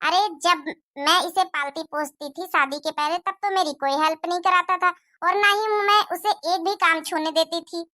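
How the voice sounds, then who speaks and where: A jealous cartoon mother-in-law, as a woman voices her rants on and on about her son's wife. Her voice sits very high and rings bright and sharp, always scolding. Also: steady tone, normal speed, hardly any pauses, no room sound, clean studio sound. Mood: complaining. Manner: scolding, complaining at length. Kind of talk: Hindi cartoon moral-story voice acting.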